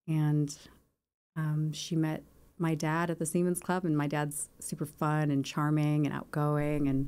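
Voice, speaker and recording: A woman's voice: low-pitched, mellow. A woman in her forties, a guest on a studio podcast, talking in a reflective, rambling way with many fillers. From born in Japan. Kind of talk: casual interview chat. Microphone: boom mic on arm.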